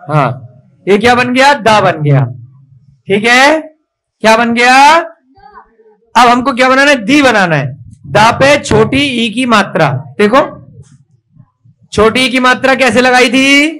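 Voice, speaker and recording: A man teaching children to write a script in a classroom, coaxing and praising them and spelling out each stroke slowly. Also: very high-pitched, bright, forceful tone, rough recording.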